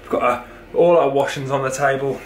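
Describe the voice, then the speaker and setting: A man's voice: mid-range voice, fairly even intonation, brisk, a little hiss or hum. A young man talking casually to camera in a home vlog, upbeat and chatty with lots of fillers. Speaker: fitness vlogger.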